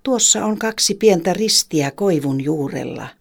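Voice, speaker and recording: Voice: medium pitch, lively intonation, gravelly. A reader voicing a young boy from a folk tale, earnest and trusting in faith.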